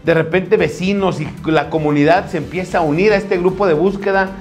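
Mexican guy, pretty high voice, slangy joking newscast banter, laughs a lot, bit of music behind. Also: fairly quick. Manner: animated storyteller, slangy, laughs often. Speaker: comedy news co-host. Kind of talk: joking casual news banter.

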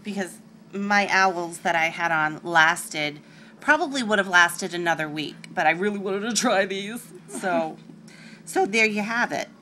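A woman's voice: on the low side, a little slow, bright, forceful tone, a little hiss or hum. A woman hosting a casual nail art tutorial, talking through each step with chatty, rambling asides.

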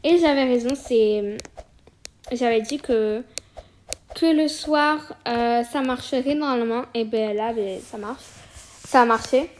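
A woman chatting through her gameplay, rambling easily and breaking into sudden excited exclamations. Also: a little high, a little slow, background noise. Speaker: gaming video creator. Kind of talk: gameplay commentary.

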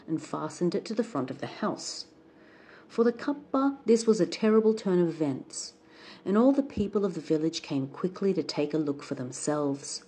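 A woman reads a folk tale aloud in a calm, measured way. Her voice is low, husky and mellow. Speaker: storyteller.

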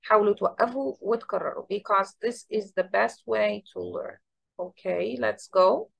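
A woman with an Egyptian Arabic accent teaching English, explaining quickly in Arabic and modelling English phrases slowly and carefully. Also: mid-range voice, vocal fry, a bit bright, no room sound. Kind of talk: bilingual English lesson.

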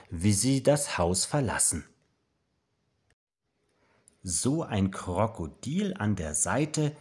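Slow, husky man reading a children's book. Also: fairly low pitch. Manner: slow, expressive, animated storytelling. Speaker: storybook reader.

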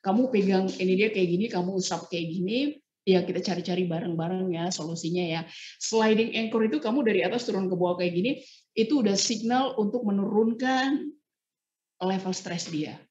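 Woman trainer chatting over a video call, mid-pitched, echoey lo-fi audio. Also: normal speed. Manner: lively, acts out example dialogues. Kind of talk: online training talk. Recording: roomy, dull lo-fi sound.

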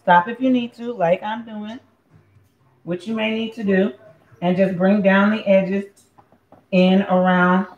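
A Puerto Rican woman hosts a casual cooking demonstration in her home kitchen, chatting as she cooks and chewing between sentences. Her mid-range voice is steady and measured, with long pauses. The narrow, tinny audio has an echoey kitchen sound and faint ambient noise.

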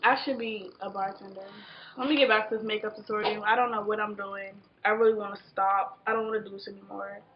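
A woman's voice: mid-range voice, highs cut off, slight background noise. A tipsy American woman in her twenties, rambling drunkenly and animatedly in a casual storytime chat, often losing her thread. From Washington, D.C., United States. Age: 20s. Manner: animated exclamations and drawn-out words. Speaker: vlogger. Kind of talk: casual storytime chat while doing makeup. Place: small bedroom, indoors. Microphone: camera a short distance away.

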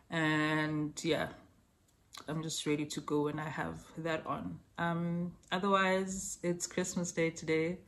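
A woman's voice: fairly low pitch, a little hiss or hum. A young woman chatting to her camera at home, rambling with fillers and small laughs. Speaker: vlogger. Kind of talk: casual chat to camera. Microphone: camera mic.

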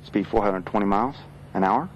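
A man's voice: lowish voice, brisk, muffled recording, a little hiss or hum. A man giving factual live commentary as a mission control announcer.

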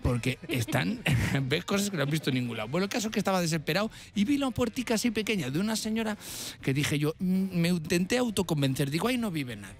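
A man telling a funny personal story on a morning radio show, animated and laughing at his own jokes. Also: sits high, quick pace, soft background music. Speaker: radio comedy contributor. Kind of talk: comic anecdote on morning radio.

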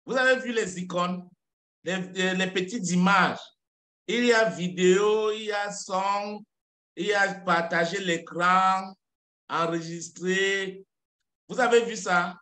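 A middle-aged man teaches English over a video call. His voice sits high and bright, and he takes his time, repeating corrections and slipping into to explain. The call audio sounds roomy. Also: fairly even intonation, measured pace. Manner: patient, corrects and repeats phrases, switches to French to explain. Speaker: English tutor. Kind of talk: online English lesson. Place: small office with tiled walls. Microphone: webcam on a video call.

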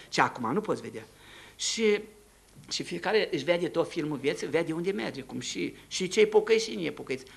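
Guy preaching in church, high gravelly voice, goes quiet then shouts. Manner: animated storytelling, swings between hushed and shouting. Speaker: preacher giving testimony. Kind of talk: sermon testimony.

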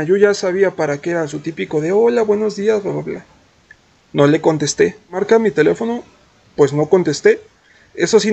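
A young man with a Mexican accent telling a story in a slangy, animated, mocking way. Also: high-pitched, vocal fry. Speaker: streamer and vlogger. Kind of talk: casual storytime.

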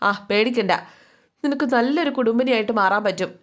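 A bossy mother-in-law ordering a young bride around the kitchen, as a woman narrator puts her on. She instructs briskly, her voice pitched up and insistent. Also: lightly acted.

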